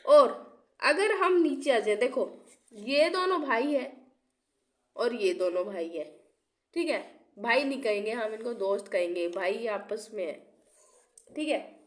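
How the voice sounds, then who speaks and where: Unwell young woman teaching, slightly high voice. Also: animated, slow pace, pauses often. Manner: asks rhetorical questions and repeats key terms; checks in often with "theek hai". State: unwell, coughing. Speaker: English literature teacher. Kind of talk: exam-prep lecture.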